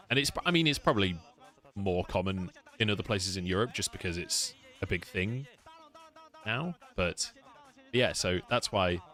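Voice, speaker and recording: British male caster, low-pitched, casual and sweary stream chatter. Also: bright, forceful tone. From United Kingdom. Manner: chatty, swears freely, answers chat questions. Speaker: esports caster streaming a costream.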